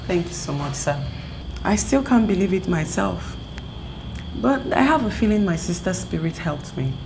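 A woman's voice: on the low side, expressive, moderate pace, vocal fry, background noise. Affectionate young Nigerian woman. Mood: grateful. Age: young adult. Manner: reassuring, affectionate. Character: grateful, affectionate young woman, bereaved sister. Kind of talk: film drama acting.

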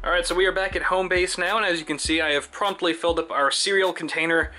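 A man's voice: sits high, fairly even intonation, fast, pushed and bright, faint music behind. A man around thirty narrating a casual tech vlog with a wry, tongue-in-cheek streak. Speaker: tech video host. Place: indoor room at home with computers.

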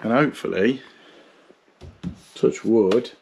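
Moving from his parked van into a cramped bathroom, a plumber gives candid commentary on a stressful job in a casual vlog, cursing and wandering off topic a bit. He talks slowly in a low voice with vocal fry, over background noise.

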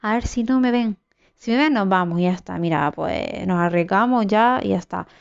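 A young woman from giving live gameplay commentary, excitable, swearing and talking to her viewers. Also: mid-range voice, normal speed, vocal fry, highs cut off. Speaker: gaming YouTuber.

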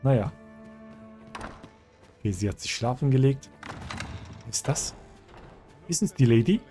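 Casting: Let's-Player, Mann, locker und verspielt, redet mit Spielfiguren. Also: male voice, mid-range voice, animated, measured pace, mellow, faint music behind. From German-speaking country. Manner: chatty and joking, talks to game characters. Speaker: let's play host. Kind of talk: casual gameplay commentary.

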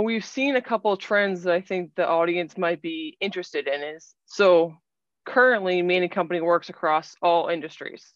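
A woman in her thirties giving an online webinar presentation from a small room, explaining things in a measured way with some fillers. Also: fairly low pitch, no echo. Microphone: laptop webcam video call. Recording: dull, dry video-call audio.

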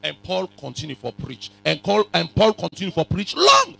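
A man with a West African accent preaching a sermon in a raspy voice, forcefully repeating phrases and questioning his congregation, sometimes in pidgin. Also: fairly high pitch, expressive, brisk, soft background music. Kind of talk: animated sermon, code-switching into pidgin. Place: church hall full of congregation.

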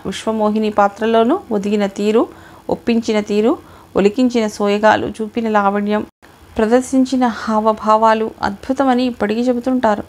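A woman's voice: on the high side, darkish tone, lightly acted. Woman reading as a fond, reminiscing mother. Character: devoted mother, former male-role dancer, earnest.

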